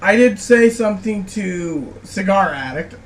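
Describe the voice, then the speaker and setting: A woman joining a casual chat and chiming in with quick quips. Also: mid-range voice, animated, recorded from a distance. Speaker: co-host.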